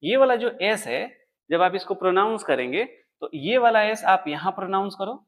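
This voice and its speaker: A man's voice: sits high, lively intonation, moderate pace, a bit bright. A man teaching an English grammar lesson, explaining step by step and answering his own questions. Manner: writes on a board while explaining.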